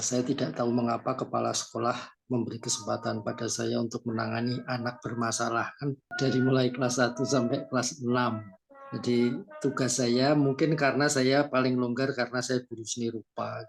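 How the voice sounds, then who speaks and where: Middle-aged male teacher, gravelly voice, calm and measured, telling a story. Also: mid-range voice. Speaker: art teacher. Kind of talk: sharing a story in a seminar.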